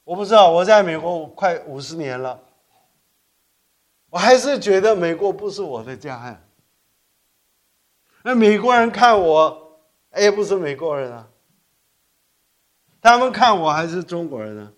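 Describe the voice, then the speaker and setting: An older man, raised in Korea, preaches an animated sermon in a somewhat high voice. He tells stories, keeps correcting himself mid-sentence and mixes English words into his talk. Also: a little slow, pauses often. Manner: animated storytelling with frequent self-corrections and code-switching to English. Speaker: pastor.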